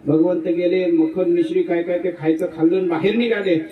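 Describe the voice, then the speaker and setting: Playful high-voiced male preacher, distant and echoey. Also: fairly quick. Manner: animated, playful, teases the audience. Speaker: kirtan preacher. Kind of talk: humorous devotional storytelling sermon. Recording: distant, roomy and dull.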